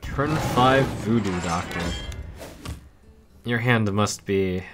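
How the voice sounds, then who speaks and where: Deep deadpan man streaming. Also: slow pace. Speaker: game streamer. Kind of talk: live gameplay commentary. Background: game music.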